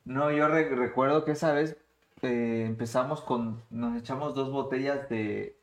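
A man's voice: mid-range voice, fairly even intonation, measured pace, roomy sound. A man with a Mexican Spanish accent joking in slang in a casual chat. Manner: slangy, teasing.

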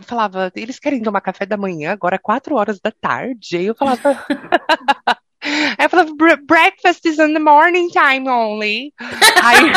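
A woman's voice: medium pitch, no echo. A woman with a Brazilian Portuguese accent, telling funny stories in casual chat, laughing and swearing now and then. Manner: lively storytelling with laughs and swearing.

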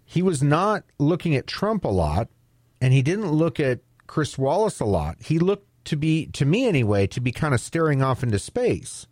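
A man co-hosting talk radio, thinking out loud with repeated words and hesitant restarts. His pitch moves in a lively way, and the voice sounds dry and close. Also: moderate pace, dry recording.

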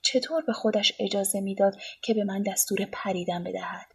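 A woman reads a literary novel aloud in a quiet, measured way, now and then sinking close to a whisper. Her voice is husky and breathy at a middle pitch. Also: steady tone. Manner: quiet, measured reading, sometimes near a whisper. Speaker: audiobook narrator. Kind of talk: literary audiobook narration.

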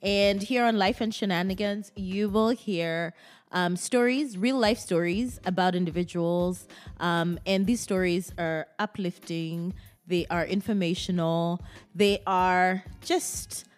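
A woman hosting a chatty interview show, speaking in an expressive, conversational way with short reactions to her guest. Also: fairly low pitch, unhurried, faint music behind. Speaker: show host.

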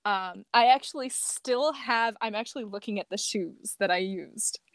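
A woman's voice: medium pitch, normal speed, no room sound. A woman talking casually as a podcast guest, telling anecdotes in an earnest, conversational way. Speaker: podcast guest, amateur performer and cosplayer. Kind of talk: casual chat.

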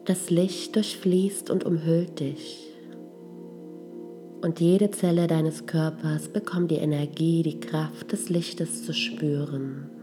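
A woman leading a guided healing meditation in a soft, gentle, breathy voice that trails toward a whisper. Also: deep voice, fairly even intonation, takes it slowly. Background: music.

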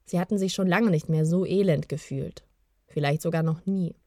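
Low-voiced woman reading a storybook. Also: moderate pace, warm tone, no echo, studio quality. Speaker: audiobook narrator. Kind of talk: scripted storybook narration.

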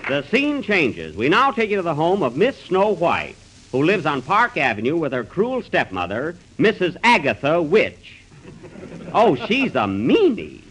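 An actor playing a brisk, bossy comic gang leader and wry announcer in an old radio sketch. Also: male voice, a little high, huge pitch swings, a bit bright, full character voice. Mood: wry announcing. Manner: brisk, wisecracking. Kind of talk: 1930s radio comedy sketch acting and narration. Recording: noisy old radio recording.

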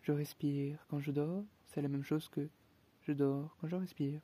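Sleepy storybook dormouse, put on by a man, mumbling, husky and soft. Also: a little high, steady tone, unhurried. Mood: drowsy. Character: drowsy dormouse talking in its sleep.

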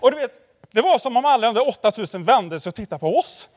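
A man's voice: very high voice, expressive, big-room sound, heavy background noise. A man preaching a casual, conversational sermon to a congregation, telling anecdotes and constantly asking them for agreement with tag questions. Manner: anecdotal storytelling, addressing the audience directly. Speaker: pastor. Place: church hall before a congregation.

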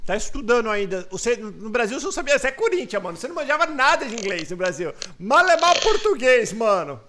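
A man's voice: very high-pitched, sing-song, fast, sharp tone. A Brazilian man hosting a live podcast, asking questions and bantering with slang. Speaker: podcast host.

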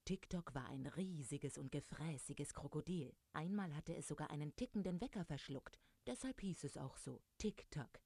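Low-voiced woman reading a children's story. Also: moderate pace, hardly any pauses, husky, no room sound. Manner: lively, addressing young listeners directly.

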